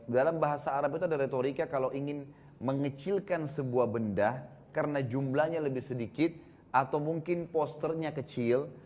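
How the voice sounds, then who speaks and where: A man teaching a congregation as a religious teacher, telling a story in a conversational, animated way with many tag fillers. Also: mid-range voice. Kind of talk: storytelling sermon.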